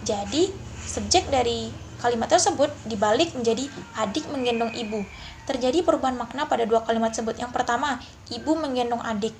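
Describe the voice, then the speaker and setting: Young female student presenting, slightly high voice, faint hiss behind, slow on examples. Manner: explanatory, slow over example sentences, frequent fillers. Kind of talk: class presentation on syntax.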